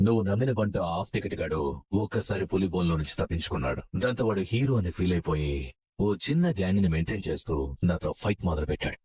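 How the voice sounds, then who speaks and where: A man's voice: low voice, a little mellow, husky. An actor playing a ruthless male crime boss who mocks and threatens in a menacing manner. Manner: menacing and mocking, gives cold orders. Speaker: villain in a TV serial. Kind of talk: TV serial acting.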